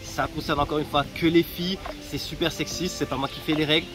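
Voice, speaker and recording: A man's voice: a little high, steady tone, fairly quick, music in the background. A man giving casual travel advice in a vlog, chatty and direct with joking asides, recorded outdoors in a town. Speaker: travel vlogger.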